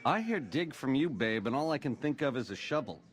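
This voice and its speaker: An actor playing a smooth-talking, cocky casino boss who drops jive slang and croons his lines. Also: medium pitch, expressive, a little fast, close to an everyday voice. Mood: smooth, flirty. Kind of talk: video game voice acting.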